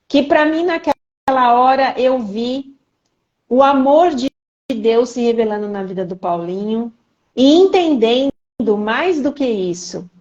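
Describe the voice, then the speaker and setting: A woman's voice: on the high side, a little mellow, highs cut off. A woman hosting a live faith podcast, introducing her guest in an earnest, emotional and talkative way. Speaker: podcast host.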